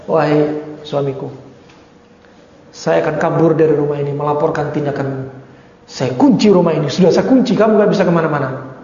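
A man quoting a devoted young wife in a soft, gentle, pleading way during a sermon, in a dull, echoey hall recording. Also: a little high, brisk, long pauses, pitched below the performer's own voice, lightly acted.

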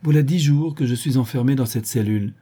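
Man doing a young boy, captive, anxious, wary, questioning, dark husky tone, storybook. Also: medium pitch, fairly quick, pitched above the performer's own voice, lightly acted. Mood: earnest. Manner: pleading, questioning.

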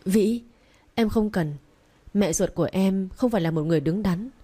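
A woman reading a young mother in an audiobook, coaxing her small son in a soft voice. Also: medium pitch, normal speed, close to an everyday voice. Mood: resigned. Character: young mother, gentle and anxious.

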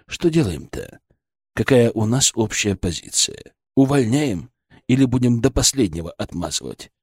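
A man voicing a gruff, blunt, middle-aged male surgery chief who teases and bosses his colleague. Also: low voice, dry recording, clean studio sound, pitched below the performer's own voice, full character voice. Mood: stern. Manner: teasing, blunt, bossy.

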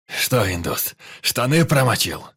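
Brief: male reader doing a brash hoarse brawler, deep voice, yells and brags. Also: steady tone, moderate pace, no echo, clean studio sound, close to an everyday voice. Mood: furious. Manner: shouting, bullying, boastful. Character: brash wounded male fighter, hot-tempered boaster. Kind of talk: audiobook character reading.

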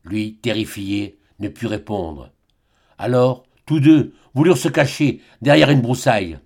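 A man narrating a classic novel as an audiobook reader, in a measured, dramatic way. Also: mid-range voice, creaky, a little mellow.

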